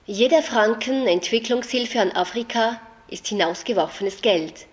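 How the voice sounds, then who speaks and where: A woman's voice: on the high side, measured pace, voice pushed up, lightly acted. A woman reading the part of a cold, opinionated surgeon's wife who talks down to her guests, in a slightly muffled recording. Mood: cold, dismissive. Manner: cold, prophesying, dismissive.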